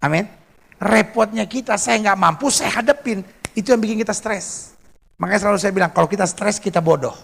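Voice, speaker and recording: A man's voice: high voice, a little fast, creaky, a bit bright, big-room sound. A man preaching a sermon as pastor, emphatic, counting off his points and acting out the people he quotes.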